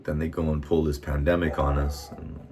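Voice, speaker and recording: Man, American, casual vlog rant, heated and profane, extremely deep voice. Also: level tone, fairly quick, gravelly, darkish tone, a little hiss or hum. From United States. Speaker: vlogger. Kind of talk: casual ranting monologue.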